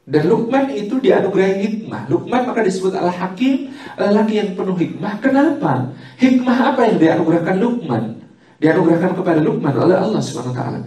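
A man preaches on raising children and tells stories that act out parents and children. His voice sits a little high but mellow and dark. The hall around him is roomy, and the mic sits some way off. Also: expressive, brisk, recorded from a distance. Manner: storytelling, acting out parents and children in quoted lines. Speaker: Islamic preacher. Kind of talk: religious talk on parenting to an audience.

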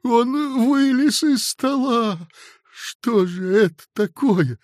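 A man's voice: very high-pitched, lively intonation, takes it slowly, darkish tone, no room sound, studio quality, pitched above the performer's own voice, full character voice. A man doing a hysterical weeping clerk. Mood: panicked. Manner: wailing, pleading. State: crying.

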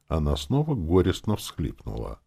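Low-voiced man narrating an audiobook. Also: huge pitch swings, normal speed, vocal fry, warm tone, breathy edge. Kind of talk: first-person audiobook narration.

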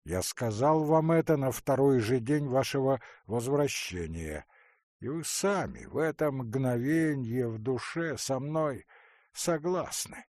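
A weary, stern nobleman, read by a man who speaks in a cold, hollow, restrained voice. He talks slowly and deliberately. The sound is dry and close. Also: medium pitch, lively intonation, darkish tone, dry recording, pitched above the performer's own voice. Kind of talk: audiobook character reading.

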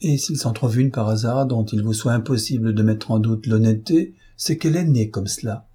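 Reading an audiobook in a mellow, husky, lowish voice at a moderate pace, a man voices an earnest, proud young upper-class woman. She pleads in a heartfelt, emphatic way, and the mood is impassioned.

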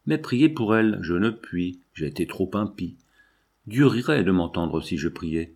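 A man reading the lines of a stern, proud old paralysed peasant woman in a storybook, in a low, grave, sorrowful manner. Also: animated, a little slow, darkish tone, slightly rough, full character voice. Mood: grieving, bitter.

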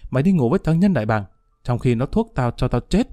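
A man voicing a jealous, violent young thug in a spoken story, harsh and shouting. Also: medium pitch, expressive, moderate pace, dry recording, faint music behind, lightly acted. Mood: enraged.

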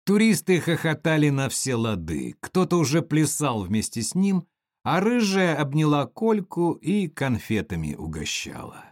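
A male narrator reading a story aloud in an expressive, measured way. His pitch moves a lot while his pace stays slow. The sound is dry and close, with no room echo. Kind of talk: audiobook narration.

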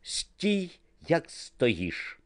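A man playing an excitable shouting photographer. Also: extremely slow, full character voice. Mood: excited. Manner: shouting commands, high-pitched. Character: excitable male fashion photographer.

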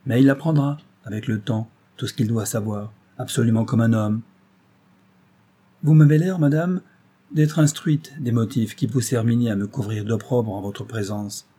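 A man's voice: mid-range voice, moderate pace, mellow, slightly rough, close to an everyday voice. A man reading aloud voices a kindly, good-natured middle-aged husband who is easily flustered. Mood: earnest.

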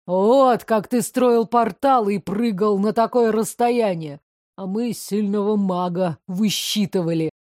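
A woman's voice: medium pitch, a little slow, a little mellow, no room sound, studio quality, natural voice. A woman reading an audiobook, voicing a furious, commanding middle-aged grand duke who growls and barks his questions. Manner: growling, barking interrogation.

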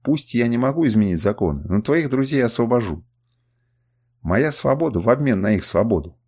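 A man's voice: medium pitch, expressive, fairly quick, darkish tone, husky. A man voicing a proud, cunning woman queen in an audiobook, with an emotional delivery in a raised voice. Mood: haughty. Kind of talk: audiobook character reading.

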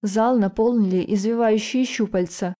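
Woman, audiobook narrator, warm mellow tone, first-person fantasy reading. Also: mid-range voice, steady tone, moderate pace.

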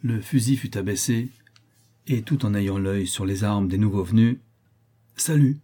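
A man narrating an adventure novel in the first person, in a steady, measured reading. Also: lowish voice. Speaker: audiobook narrator.

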